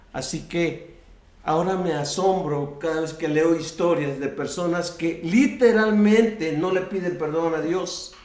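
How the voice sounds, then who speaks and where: A man's voice: a little high, darkish tone. A man preaching a sermon as pastor, acting out prayers and quoted speech, often restarting his phrases. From US-Mexico border region. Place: church sanctuary. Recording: echoey church room.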